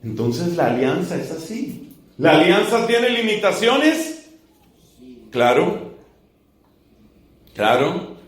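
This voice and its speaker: A man preaching as a friar in a teaching sermon, building slow emphatic lists and asking rhetorical questions. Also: a little high, big pitch swings. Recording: echoey room.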